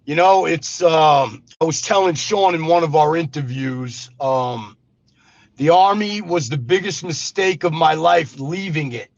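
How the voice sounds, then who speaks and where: A man's voice: fairly high pitch, a little slow, creaky, no room sound. A man, an interview guest telling his life story in a casual, street-talking way. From Brooklyn, New York. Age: 50s. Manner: street-talking, says "brother" and "you know what I mean". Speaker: interview guest, former gangster. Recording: dull dry lo-fi sound.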